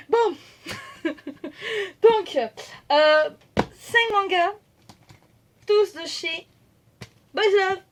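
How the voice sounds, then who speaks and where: Femme enthousiaste à la voix aiguë. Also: female voice, sits high. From France. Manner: chatty, hesitant, many fillers and self-corrections. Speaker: vlogger. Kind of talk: casual chat. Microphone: phone camera.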